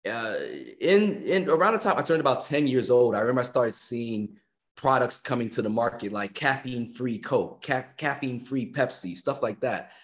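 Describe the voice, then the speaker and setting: A fifty-ish man from the United States, a personal trainer and musician, is a guest in a relaxed interview. His voice is medium in pitch and his pace moderate, and he's talkative, repeating phrases to emphasize them.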